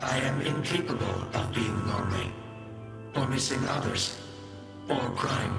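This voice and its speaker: Distorted game robot, dutiful male defense machine, flat and clipped, echoey over loud music. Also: medium pitch, unhurried. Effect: fuzz distortion on the voice. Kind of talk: video game voice acting.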